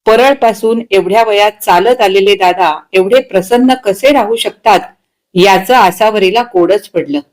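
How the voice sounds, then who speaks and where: A woman reading a short story aloud in a steady, expressive narrating voice. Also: medium pitch, unhurried.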